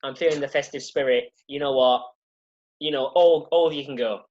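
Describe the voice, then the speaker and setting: A man's voice: mid-range voice, brisk, muffled recording, close to an everyday voice. A man voicing a jolly male German officer in a joke, with a mock German accent that slips toward Scottish. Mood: jovial.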